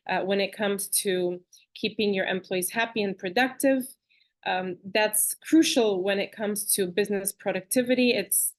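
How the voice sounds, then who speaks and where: A woman from Bulgaria, a guest in an interview, talking in an animated, chatty way with fillers and restarts over a video call. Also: mid-range voice. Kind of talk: conversational interview.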